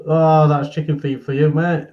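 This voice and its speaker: A man hosts a casual live stream, bantering and greeting viewers by name. His voice is fairly high, and the stream audio sounds dull and lo-fi. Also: flat delivery, moderate pace. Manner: jokey, greets viewers warmly.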